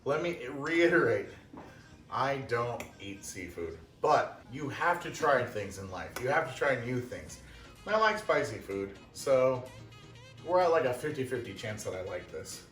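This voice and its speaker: A man's voice: medium pitch, sing-song, unhurried, a bit bright. Chatty young male cooking host, casual and self-mocking; roomy kitchen, distant mic, music under him. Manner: self-deprecating, chatty, talks while eating. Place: home kitchen.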